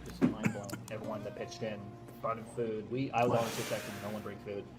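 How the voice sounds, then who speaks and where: Fast-talking deep-voiced man over loud music. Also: flat delivery. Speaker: vlogger, newlywed groom. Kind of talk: casual vlog chat.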